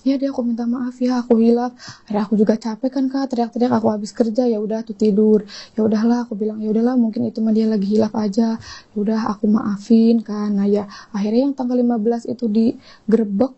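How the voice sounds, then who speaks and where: A young woman telling her own story in an interview, rushing through it and acting out the quoted dialogue. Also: fairly high pitch, husky, highs cut off. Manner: fast, animated retelling, acting out quoted dialogue. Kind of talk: emotional personal account.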